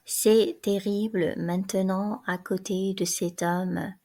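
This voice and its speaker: A woman reading the part of a gruff, self-important male prison guard, in a blunt, grumbling manner. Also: on the high side, lively intonation, moderate pace. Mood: plodding.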